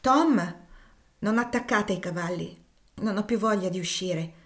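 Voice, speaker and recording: A woman voicing a frail, earnest young girl in a read-aloud novel, speaking softly and firmly, half in a whisper. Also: medium pitch, a little slow, lightly acted. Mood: pained.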